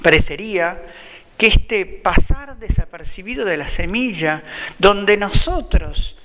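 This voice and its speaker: A Franciscan friar with an Argentine Spanish accent preaches a reflective sermon in a large hall, often repeating phrases for emphasis. His voice sits high and sounds bright and forceful, animated though a little slow.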